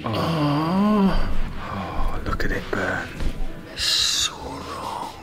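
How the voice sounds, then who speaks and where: An actor playing a hesitant, awestruck prankster in a comedy radio drama, with music underneath. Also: male voice, mid-range voice, very animated, takes it slowly. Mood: awed. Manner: hesitant, awed.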